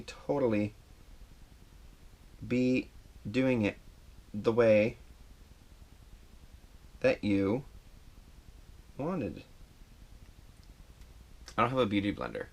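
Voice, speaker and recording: Man filming a makeup tutorial at home, loose chatty delivery with fillers, pokes fun at himself. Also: mid-range voice. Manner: chatty and self-deprecating, rambling with fillers. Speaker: makeup vlogger. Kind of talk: casual makeup tutorial chat. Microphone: action camera.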